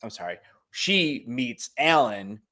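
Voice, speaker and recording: A man's voice: medium pitch, sing-song, takes it slowly, sharp tone. A man hosting a live TV review, thinking aloud tentatively in casual chat.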